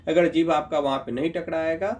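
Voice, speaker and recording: A man's voice: fairly high pitch, fairly even intonation, darkish tone. A man teaching a grammar lesson, patiently sounding out letters and checking in with his students. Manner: patient, repeats sounds slowly, checks in with "ठीक है"; addresses viewers as "Babu". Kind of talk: explanatory lesson.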